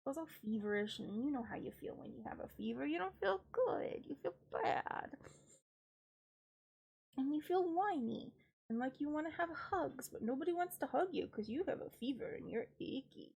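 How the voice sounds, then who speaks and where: High-pitched and animated at a normal speed, this young streamer's congested voice sounds gravelly and a little mellow. She chats casually, pokes fun at herself, and drops giggly asides.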